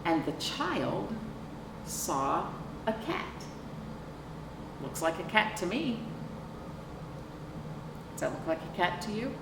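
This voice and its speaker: Reading a storybook slowly and animatedly, a middle-aged children's librarian asks young listeners rhetorical questions and explains things deliberately, her fairly low voice showing vocal fry. A camera a few feet off records her in an echoey, noisy room with a sofa.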